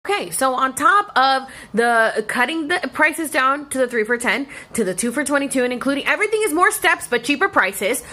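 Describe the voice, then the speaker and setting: A woman's voice: sits high, sing-song, a little fast, few pauses, bright, forceful tone. A woman in her thirties, a longtime server, ranting angrily and profanely about her work in a vlog. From Florida. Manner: heated, profane, sarcastic rant. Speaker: former restaurant server and content creator. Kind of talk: angry rant vlog.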